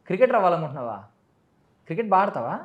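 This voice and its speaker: A very animated woman with a low voice for a woman interviews a young guest in a casual chat, firing off questions rapidly. She teases him playfully and mixes English words into her speech, and the sound is lo-fi.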